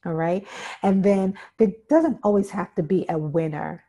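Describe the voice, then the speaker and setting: A woman's voice: mid-range voice, unhurried, dark tone. A woman instructor giving an interactive workshop talk, emphatic and repeating key points while often checking in with her listeners. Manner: emphatic, checks in with "okay?" and "right?".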